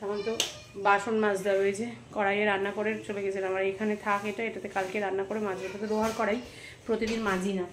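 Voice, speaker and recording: A woman's voice: mid-range voice, flat delivery, fast talker. A woman home vlogger chatting casually to viewers while she does housework. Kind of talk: casual vlog narration. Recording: noisy home recording.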